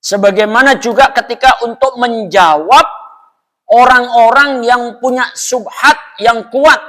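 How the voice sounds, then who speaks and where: A man's voice: very high-pitched, sharp tone, in a large hall. A man preaching in a prayer room, talking conversationally, asking the congregation questions and laughing often. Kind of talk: mosque sermon.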